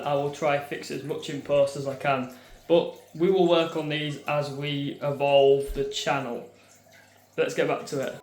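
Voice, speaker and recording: Chatty self-deprecating man. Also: a little high. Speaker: aquarium hobby vlogger. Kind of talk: casual chatty tutorial vlog. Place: indoors at home by his fish tanks. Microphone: clip-on mic, then phone mic.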